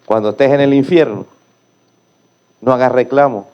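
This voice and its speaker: At a moderate pace and with a clean tone, a male preacher delivers a sermon packed with emphatic rhetorical questions, moving from quiet, low lines to loud, climbing calls. The recording is muffled.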